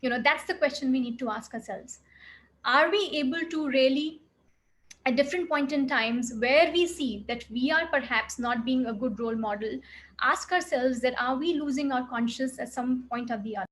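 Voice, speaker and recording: A woman's voice: high voice, normal speed, fairly bright tone. A woman, a clinical psychologist giving an earnest, reflective expert talk with frequent "you know" fillers. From India.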